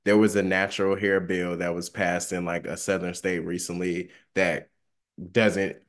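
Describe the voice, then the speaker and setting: A man's voice: low voice, flat delivery, normal speed. A man interviewing on a panel in a casual, chatty way, with loose, meandering phrasing. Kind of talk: casual conversational questioning.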